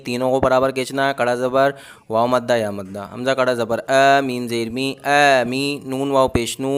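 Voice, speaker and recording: A man teaching a reading lesson, patiently spelling out each sound and then blending them slowly. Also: mid-range voice, fairly bright tone, clear, resonant tone. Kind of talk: slow letter-by-letter reading lesson.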